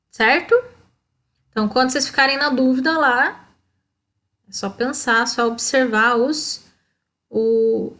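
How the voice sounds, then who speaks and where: Slow, patient Brazilian woman teacher. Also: on the high side, a bit bright. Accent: Brazilian Portuguese. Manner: slow, explaining, frequent "ó" and "tá?". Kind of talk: primary school lesson.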